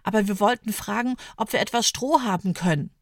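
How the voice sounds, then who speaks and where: A woman voicing an eager little boy who is quick to tears, in a children's audio story. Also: mid-range voice, dry recording, studio quality, close to an everyday voice.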